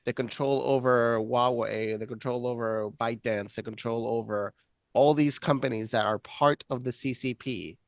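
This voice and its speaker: A man arguing insistently and quickly in a casual podcast chat. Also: medium pitch, fairly even intonation, no room sound. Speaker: podcast guest.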